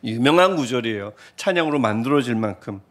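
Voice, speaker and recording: A middle-aged man preaching a sermon, telling stories in an animated way, moving between soft asides and shouted exclamations, with some self-deprecating humor. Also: mid-range voice, quick pace. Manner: self-deprecating, laughs at himself. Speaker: pastor.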